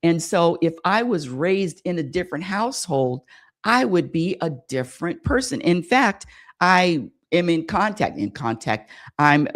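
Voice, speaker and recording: A woman hosting a spirituality radio show, talking in a repetitive, searching way and often asking listeners for agreement. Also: fairly low pitch. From United States. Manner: repetitive and searching, calls for audience affirmation. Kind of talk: spiritual talk monologue.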